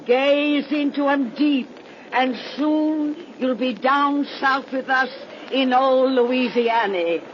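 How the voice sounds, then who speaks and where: A woman's voice: high voice, slow, dull audio. A woman playing a gleeful, very old witch with folksy archaic speech, telling ghost stories in a 1930s radio horror play on a noisy old recording. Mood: gleeful, coaxing.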